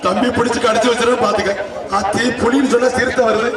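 High-pitched, echoing loudspeaker man commentating excitedly. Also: quick pace. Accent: Tamil Nadu. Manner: shouted, repetitive calls and urgings. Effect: amplified through loudspeaker PA. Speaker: live event announcer at a bull-taming contest. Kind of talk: excited live running commentary. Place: outdoor arena with loud crowd behind. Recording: echoing outdoor PA, distant, loud crowd.

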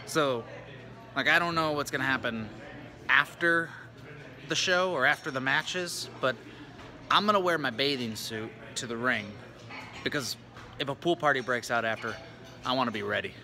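A man's voice: mid-range voice, normal speed, pauses often, bright, forceful tone. A man in his thirties vlogging on his travels, talking into a phone camera held at arm's length in a jokey, self-mocking way. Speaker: vlogger and wrestler. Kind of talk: casual travel vlog. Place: outdoors, hotel, venue and locker room.

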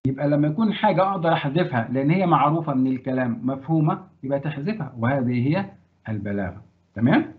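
A man with an Egyptian accent teaching a grammar lesson, quizzing his students and praising their answers. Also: a little high. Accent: Egyptian Arabic. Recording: tinny phone-like sound.

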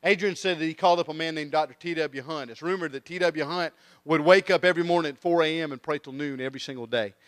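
A man preaching with a fairly high voice. He drops to near-whispers and then climbs into loud, insistent emphasis. He acts out the people in his stories. The sound is dry and close. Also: fast talker, no echo. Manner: swings from hushed intensity to loud rising emphasis; tells stories with quoted voices. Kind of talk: sermon.

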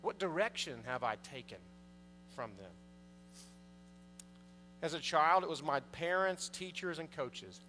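A man's voice: fairly high pitch, animated, a little slow, pauses often, sharp tone. A man in his thirties, a priest, preaching a conversational sermon from the pulpit and putting questions to the congregation. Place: large church, indoors. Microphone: pulpit mic, far camera. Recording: long church reverb, faint mains hum.

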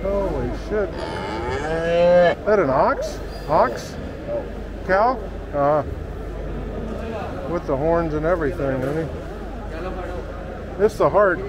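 Guy vlogging thru a busy market, highish voice, slow drawl, lots of oh my. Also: expressive, background noise. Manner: exclamatory, marvels aloud. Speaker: travel vlogger. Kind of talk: casual walking-tour commentary. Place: indoor market hall.

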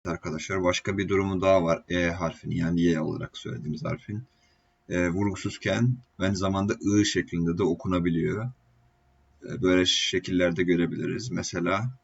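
A man's voice: low-pitched, gravelly, husky. A man teaching an online language lesson, explaining step by step with frequent hesitation fillers. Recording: dull lo-fi recording.

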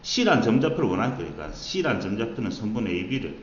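A lower-voiced man teaches math in a roomy, slightly muffled classroom recording. His pitch rises and falls a lot as he walks through each step. He keeps stopping to check that students follow. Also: very animated, normal speed. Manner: explains step by step with frequent checking questions. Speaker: math tutor. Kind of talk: whiteboard math lesson.

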